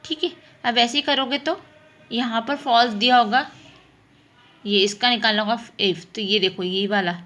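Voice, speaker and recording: A woman with a slightly high, somewhat bright voice teaches a mathematics lesson at a normal speed. In this informal spoken lesson she works through problems step by step, often answering her own questions.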